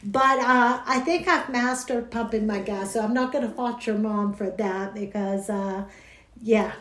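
A woman's voice: medium pitch, measured pace, a bit bright. A woman co-hosting a podcast, chatting casually and telling stories with frequent laughter. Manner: chatty storyteller, laughs often. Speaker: podcast co-host. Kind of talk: casual chat. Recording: roomy echo.

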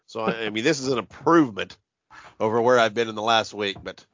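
A man with a stuffy, congested voice that sounds like he is inside a box, chatting casually and haltingly as a podcast host while sick. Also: on the low side, a bit bright, dry recording, muffled recording. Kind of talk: casual horror movie review podcast chat.

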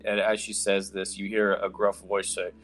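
A man's voice: sits low, monotone, moderate pace, a bit bright, soft background music. A man narrating as game master in a tabletop game, easygoing and descriptive. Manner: easygoing, descriptive with fillers like "kinda".

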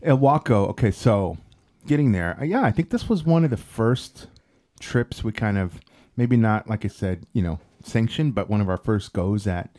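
A man's voice: on the low side, expressive, moderate pace, warm tone. A man co-hosting a casual group podcast, telling a story in a rambling, chuckling way. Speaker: podcast co-host.

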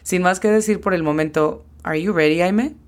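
A woman's voice: on the low side, normal speed. A woman hosting a scripted language lesson as the teacher, speaking patiently and spelling words out letter by letter. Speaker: English teacher and podcast host.

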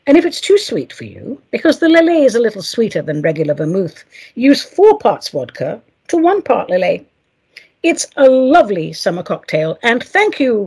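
Husky, playful woman podcast host. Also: medium pitch, very animated, moderate pace, warm tone. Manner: playful, theatrical, campy asides. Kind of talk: solo podcast reading listener mail.

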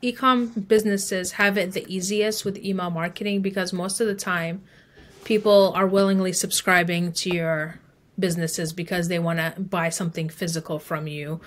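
Guesting as an email marketing expert, a woman with a fairly low, evenly intoned voice talks at a normal pace in a conversational interview. She explains things step by step in an informal way, dropping plenty of "like" and "you know".

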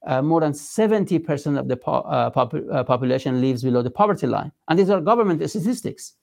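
A man with a Persian accent giving an interview as a political spokesman, speaking emphatically and formally, with halting phrasing. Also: a little high, lively intonation, vocal fry, darkish tone. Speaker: resistance movement spokesman being interviewed.

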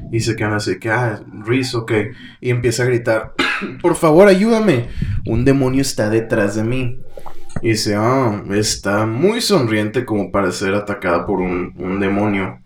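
A man's voice: lowish voice, a little slow. A man, co-hosting a podcast, who retells a comic plot in casual chat, full of fillers and acted-out quotes. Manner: rambling, many fillers, acts out quotes. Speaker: podcast co-host. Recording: roomy echo, faint noise.

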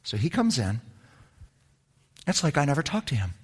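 A man preaching as a pastor, telling a personal story in an animated way that swings between loud emphasis and hushed low tones. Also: moderate pace. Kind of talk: storytelling sermon.

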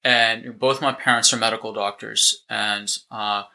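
A man's voice: fairly low pitch, steady tone, measured pace, vocal fry, pushed and bright, rough recording. A man from the United States, a chiropractor, chatting as a podcast guest, talkative and wry, often restarting sentences. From United States, near Boston. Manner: talkative, self-correcting, wry. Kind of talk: casual podcast chat.

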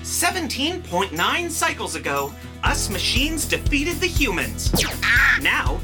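A woman's voice: sits high, sing-song, slow pace, heavily acted. A woman voicing an upbeat robot announcer in a dramatic comedy podcast promo. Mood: hyped. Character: upbeat droid announcer of robot pest-control trailer. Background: music.

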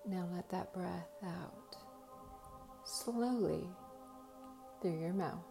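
A woman with a slow hypnotist voice, low and full of gravelly fry. She guides relaxation in short, soothing phrases, leaving long pauses, with faint music underneath. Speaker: host of guided meditation and hypnosis sessions.

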